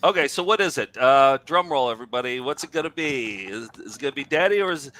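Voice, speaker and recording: Man co-host, bright voice, playful and chatty, explains the gag at length. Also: mid-range voice, expressive, fast talker. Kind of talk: comedic banter.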